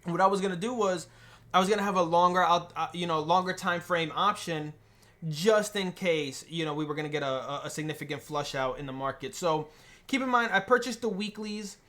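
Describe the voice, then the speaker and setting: A man's voice: high-pitched, fairly quick, bright, forceful tone. Casual young man chewing gum. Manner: casual, rambling, with frequent restarts and fillers; chewing gum while talking. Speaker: trading channel host. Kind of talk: casual screen-share trade breakdown.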